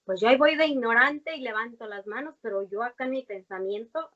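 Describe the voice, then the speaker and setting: A woman's voice: a little high, fairly quick, bright, forceful tone. A young woman gives a heartfelt personal faith testimony in conversation, earnest and rambling, with many fillers and restarts. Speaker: guest giving a faith testimony. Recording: dull lo-fi recording.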